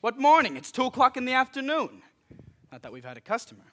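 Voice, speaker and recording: A teenage boy acting as a gruff, complaining flower shop owner on a school stage. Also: sits high, animated, fairly quick. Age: teens. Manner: gruff, complaining, shouts at staff. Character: grumpy middle-aged male flower shop owner. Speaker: stage actor. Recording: live stage recording.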